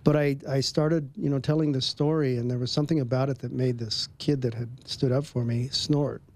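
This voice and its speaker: A man telling a personal story in an interview, relaxed, with frequent ums and little chuckles between phrases. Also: mid-range voice, fairly quick. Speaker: guest.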